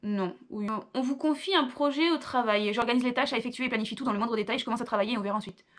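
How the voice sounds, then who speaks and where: A woman's voice: on the high side, racing, fairly bright tone. A young woman, reading quiz questions aloud and answering with offhand asides in a casual vlog. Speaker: vlogger.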